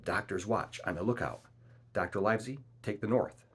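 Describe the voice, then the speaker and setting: A man's voice: on the low side, normal speed, husky. A man voicing a stern middle-aged ship captain who gives clipped, commanding orders.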